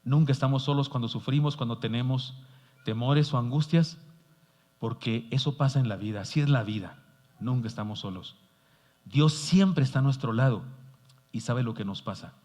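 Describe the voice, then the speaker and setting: A man preaching a sermon as pastor, telling a story in an earnest, animated way. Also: medium pitch, normal speed, pauses often. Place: church sanctuary. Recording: dull sound, long church reverb.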